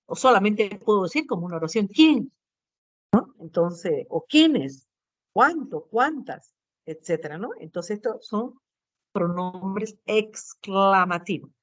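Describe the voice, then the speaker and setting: A woman's voice: medium pitch, normal speed, dry recording. A woman teaching a Spanish grammar class to students, explaining patiently and tagging her sentences with short questions. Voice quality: keeps adding tag questions, asks and answers herself. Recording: dull, lo-fi, dry sound.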